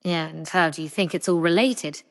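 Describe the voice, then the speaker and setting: A woman voicing an elegant young male courtier who speaks smoothly with sarcasm. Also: lowish voice, moderate pace, big-room sound. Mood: sarcastic.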